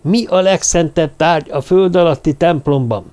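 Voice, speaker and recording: A fanatical druid mage barks orders in a raised, screeching voice, as a male audiobook narrator puts him on. The tone is commanding and bloodthirsty, pitched well above the reader's own dark voice, loud and forceful. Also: natural voice. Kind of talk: audiobook character voice.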